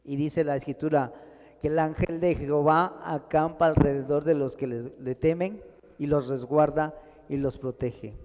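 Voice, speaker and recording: A man's voice: on the high side, steady tone, moderate pace, darkish tone, long reverb tail. A man preaching a sermon in a church, speaking to the congregation as brothers with rising and falling emphasis. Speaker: pastor.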